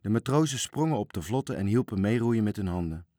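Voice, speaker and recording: A man narrating a children's storybook aloud, reading expressively and slowing down at the sad moments. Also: on the low side, expressive, warm tone, no room sound, clean studio sound.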